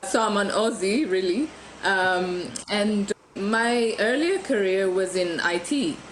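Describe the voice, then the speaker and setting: A woman from Ethiopia, in her thirties, speaking as a guest on a podcast, chatty and quick to laugh, with frequent restarts. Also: mid-range voice, slight background noise, poor audio. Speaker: guest photographer. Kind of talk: casual podcast interview.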